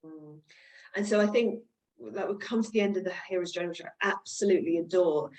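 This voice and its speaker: A woman wellness coach teaching in conversation, speaking in a reflective, measured way. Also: fairly low pitch, a little mellow, poor audio.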